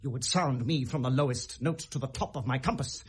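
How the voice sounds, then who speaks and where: An actor with a British accent playing Hamlet, a bitter, mocking, wild-witted young prince, in theatrical 1970s radio Shakespeare style. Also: male voice, mid-range voice, husky. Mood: accusing, biting. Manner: theatrical, sardonic, quick shifts from quiet to outburst.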